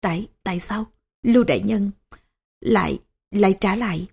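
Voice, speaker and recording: A woman's voice: medium pitch, moderate pace, creaky, darkish tone, husky. A woman voicing a frail dying old father who stammers and speaks in weak, broken phrases. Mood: frail, faltering. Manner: stammering, faltering weak speech.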